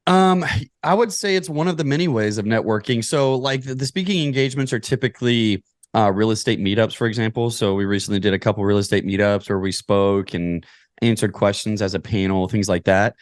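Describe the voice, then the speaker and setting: An American podcast guest from Kentucky, who invests in real estate, answers interview questions methodically in a chatty manner. His voice is on the low side and brisk, and the studio-quality recording is dry.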